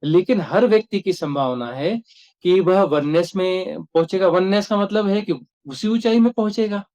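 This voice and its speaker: A high-pitched man speaks as a spiritual teacher. He gives a reflective discourse and circles back over his phrases to stress them. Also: moderate pace, darkish tone. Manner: reflective, repeats phrases for emphasis.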